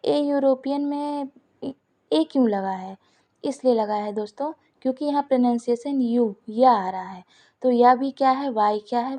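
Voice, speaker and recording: A woman's voice: fairly high pitch, dark tone. A woman teaching a grammar lesson, explaining rules step by step, repeating examples and answering her own questions while addressing viewers as friends. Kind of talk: Hindi-language grammar lesson.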